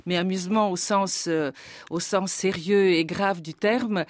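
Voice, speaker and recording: A woman's voice: fairly low pitch, steady tone, no room sound. Thoughtful woman guest in dry studio sound. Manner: measured, thoughtful, some hesitations. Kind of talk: studio conversation.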